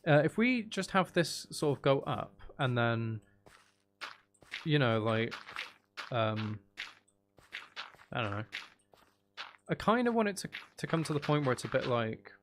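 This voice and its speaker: This game streamer talks at a measured pace with long pauses, his voice mid-range, as he muses through his play in a joking, self-mocking, wandering style. A constant patter of rain fills the background.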